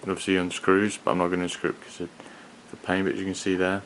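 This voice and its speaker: A man giving an unscripted hands-on product review in a hesitant, halting, rambling manner. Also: deep voice, monotone, a bit bright, low-quality recording. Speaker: gas mask collector and reviewer. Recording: clearly audible background noise.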